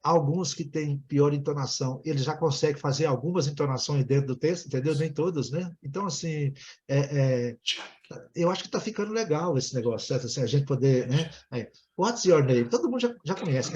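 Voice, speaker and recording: A Brazilian Portuguese-speaking man teaching an English class online, explaining at length and ending nearly every phrase with a quick "né?". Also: fairly high pitch, lively intonation, darkish tone, lo-fi sound.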